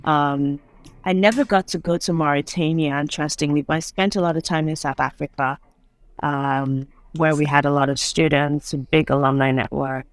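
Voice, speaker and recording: A woman from Nigeria, a guest on a video call, telling her story in a relaxed, chatty way. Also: low-pitched, normal speed, no echo. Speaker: guest entrepreneur. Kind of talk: casual interview.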